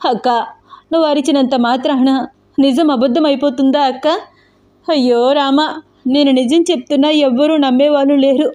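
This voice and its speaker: A woman voicing a scheming middle-aged wife who wails and shouts accusations in a spoken story. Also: moderate pace, natural voice. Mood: wailing accusing. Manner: shrill, wailing, accusing. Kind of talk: storybook acting.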